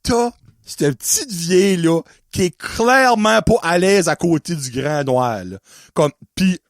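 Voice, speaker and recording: A man's voice: on the high side, expressive, measured pace, no room sound, studio quality. A man with an Acadian French accent hosting a podcast in casual chat, rambling, swearing freely and wandering off on tangents. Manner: rambling, profane, goes off on tangents. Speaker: podcast host.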